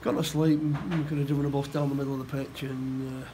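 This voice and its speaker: A middle-aged football manager giving a post-match interview, plain-spoken and halting, often repeating his words. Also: mid-range voice, little pitch movement, mellow, a little hiss or hum, low-quality recording. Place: indoor room by a stadium door.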